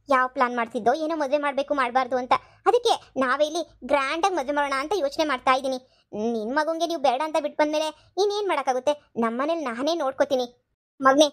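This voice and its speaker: A woman plays a sharp-tongued cartoon mother-in-law who scolds and taunts her rivals. Her voice is high and she talks quickly in a scolding rush. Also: lightly acted. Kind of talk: cartoon comedy voice acting.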